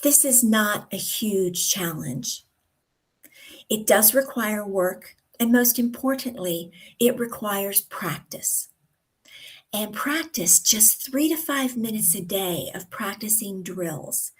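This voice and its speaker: American lady pronunciation coach, talks slow and careful, leans hard on example words. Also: mid-range voice, lively intonation, poor audio. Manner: slow, deliberate, over-articulated example words. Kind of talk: instructional talk to camera.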